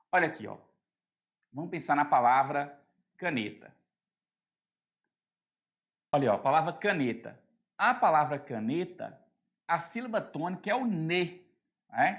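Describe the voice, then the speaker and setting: A man with a Brazilian Portuguese accent, his voice sitting a little high for a man, teaches an exam-prep grammar lesson. He spells out letters and word endings one at a time and keeps tossing short tag questions at the class to make sure they follow.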